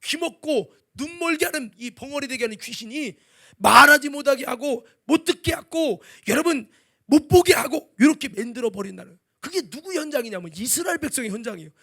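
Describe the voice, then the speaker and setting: A male pastor preaches in a strikingly high voice. He swings from loud, fervent exclaiming to hushed musing and breaks into lines of a hymn now and then. He is speaking in a church sanctuary. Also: lively intonation, brisk, gravelly. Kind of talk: sermon.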